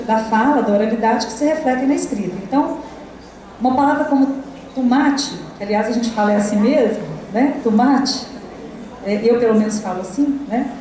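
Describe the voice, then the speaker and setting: Recorded from a distance in an echoey lecture hall with faint noise, a middle-aged Brazilian woman gives teachers a university lecture in a casual style full of tag questions and fillers. She has a Brazilian Portuguese accent and a slightly high, dark-toned voice.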